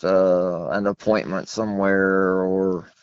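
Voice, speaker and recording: This phone interview catches an author talking slowly and clearly with a resonant tone and fairly even intonation, with no echo. He wanders on at length with self-deprecating stories, and the telephone audio comes through muffled and low-fidelity.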